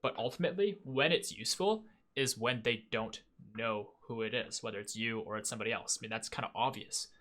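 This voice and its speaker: Young man, gaming host, fast talker, bright voice, casual and self-critical. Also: mid-range voice. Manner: chatty, self-critical, lots of fillers. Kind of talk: casual post-game commentary.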